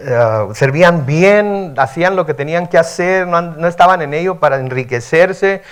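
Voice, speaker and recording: A man's voice: fairly high pitch, normal speed, clean tone. A male pastor giving a midweek sermon, reading scripture aloud and explaining it in a conversational way, often checking in with the congregation. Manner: conversational, frequent "¿verdad?" tags, reads scripture aloud and explains. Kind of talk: midweek sermon, Bible teaching.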